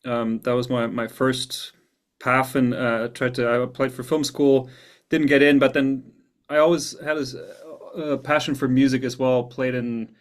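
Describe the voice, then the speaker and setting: German guy, film composer in an interview, pretty monotone, keeps restarting his sentences. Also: mid-range voice, a little slow. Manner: thoughtful, repeats words while searching for phrasing. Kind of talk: interview answers.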